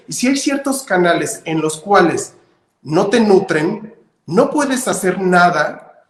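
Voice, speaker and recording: Mexican guy on a video call, calm encouraging advice, pretty high voice, echoey. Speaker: panelist, designer and artist. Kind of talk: online panel talk.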